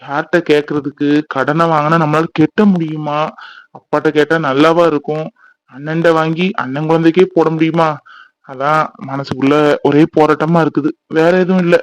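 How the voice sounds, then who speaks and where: Male actor as a worried young cartoon husband, high-pitched, pleading, dry studio sound. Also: flat delivery, normal speed, no echo, lightly acted, poor audio. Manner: fretful, pleading. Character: young worried husband, soft-hearted and remorseful.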